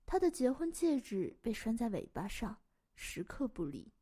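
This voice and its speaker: A woman narrating a fantasy story in a gentle, even reading voice. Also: on the high side, normal speed, husky.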